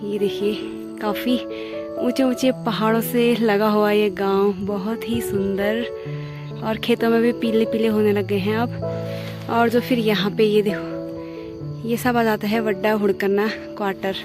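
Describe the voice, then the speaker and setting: A Kumaoni woman from the Uttarakhand hills narrates a casual walking vlog in a mid-range voice with little pitch movement and a measured pace, music playing in the background. Out on hill paths and village roads, this village vlogger chats with viewers as friends.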